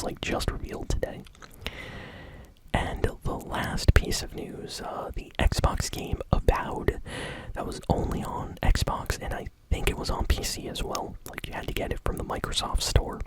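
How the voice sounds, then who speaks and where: In a low-quality recording, an ASMR host passes along gaming news in nothing but a soft, unvoiced whisper. The phrasing is laid-back and a little halting, though keen and enthusiastic.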